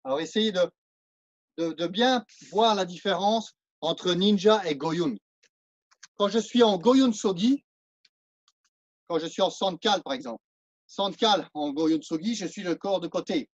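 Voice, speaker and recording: A high-voiced man with a French accent teaches a live online martial arts class at a measured pace, pausing at length as he counts, explains and demonstrates moves. The recording has no room sound and the highs are cut off.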